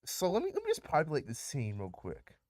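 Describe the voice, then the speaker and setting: A man's voice: a little high, huge pitch swings, fairly quick, a little mellow, no room sound. A man running a tabletop game as game master, laughing often and stalling with repeated restarts.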